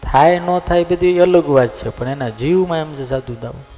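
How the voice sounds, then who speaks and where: A man's voice: fairly high pitch, normal speed, warm tone, in a large hall, faint music behind. A man preaching as a swami, telling folksy stories and checking in with listeners. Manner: folksy, storytelling, asks listeners for agreement. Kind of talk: sermon with humorous stories.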